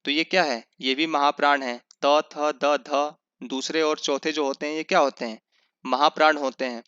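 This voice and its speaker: Male teacher for an online revision class, with a crisp, forceful voice and a dry, close sound; he asks and answers his own questions and spells out the examples slowly. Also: a little high, fairly even intonation, dry recording. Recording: dull lo-fi sound.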